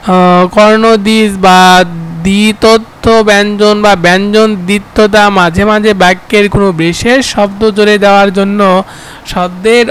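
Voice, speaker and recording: A man's voice: high voice, fairly bright tone, clean tone, rough recording. A man with a Bangladeshi Bengali accent teaching an exam-prep grammar lesson, repeating terms and answering his own questions. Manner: repeats terms and asks himself questions, with fillers.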